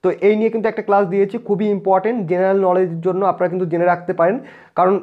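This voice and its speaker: A man's voice: sits high, little pitch movement, rapid-fire. A man with a West Bengal Bengali accent teaching an exam-prep lesson, reading each question twice, listing the options and naming the right answer, with English words mixed in. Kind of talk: quiz walkthrough lesson. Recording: dull lo-fi sound.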